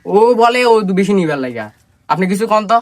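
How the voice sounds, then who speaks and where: A man's voice: sits high, very animated, fairly quick, no echo. A man with a regional Bangladeshi Bengali accent playing a greedy, hot-headed lad in a comedy skit, blunt and quarrelsome. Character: hot-headed, greedy older lad squabbling over money.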